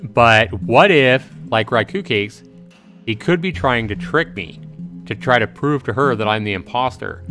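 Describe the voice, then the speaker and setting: A bit bright and medium in pitch, the man's voice has lively intonation and a slightly slow pace, with faint music behind him. He's streaming a visual novel, casually commentating, thinking aloud, and repeating himself while addressing chat.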